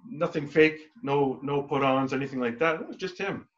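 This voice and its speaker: A man's voice: fairly high pitch, moderate pace, background noise. Rambling man with a dull lo-fi sound. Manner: rambling, many restarts, acts out quoted exchanges. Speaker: band member. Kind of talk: casual interview talk. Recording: dull lo-fi recording.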